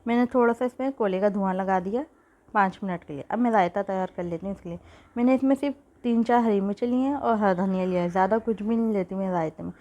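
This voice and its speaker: Woman host, mellow tone, chatty home-kitchen cooking tutorial, recorded on a phone. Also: medium pitch, fast, lo-fi sound. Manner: chatty, repeats "theek hai" often. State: sore throat, coughing.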